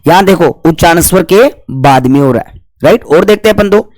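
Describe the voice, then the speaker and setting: Male grammar teacher, slightly high voice, dry close recording; self-answering exam-prep drill style. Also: expressive, brisk, no echo. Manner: asks questions and answers them himself; stretches out syllables to demonstrate pronunciation.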